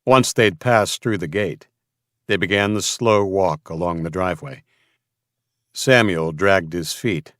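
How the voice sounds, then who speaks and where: A man narrating an audiobook in a steady, even reading voice. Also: low-pitched, no echo, studio quality. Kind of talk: scripted narration.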